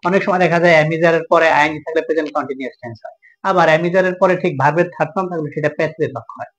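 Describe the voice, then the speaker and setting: A man's voice: on the high side, racing, fairly bright tone, lo-fi sound. A man with a Bangladeshi Bengali accent teaching an English grammar lesson, asking questions and answering them himself.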